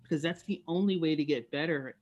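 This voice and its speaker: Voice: mid-range voice, a little mellow, muffled recording. A podcast host chatting casually and offering encouragement to a guest. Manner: encouraging, conversational, quick affirmations. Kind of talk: casual interview chat.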